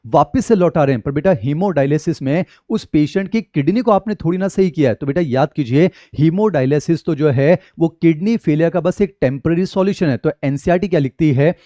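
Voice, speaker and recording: A man's voice: fairly high pitch, moderate pace, hardly any pauses, dark tone, no room sound. A man teaching biology in an exam-prep lecture with an Indian accent, often calling his students children and mixing Hindi with English terms.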